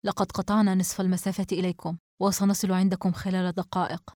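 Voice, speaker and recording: A woman's voice: lowish voice, level tone, fast talker, mellow, no room sound, clean studio sound, natural voice. A woman reading a novel aloud, voicing a firm, commanding male police detective. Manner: firm, insistent.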